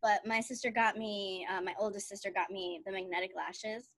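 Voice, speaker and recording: A woman's voice: mid-range voice, steady tone, moderate pace, a bit bright, no echo. A woman in her thirties chatting casually on a podcast, telling stories in a bubbly way and laughing often. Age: 30s. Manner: giggly, bubbly storyteller who laughs often. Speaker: podcast co-host. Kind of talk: casual chat.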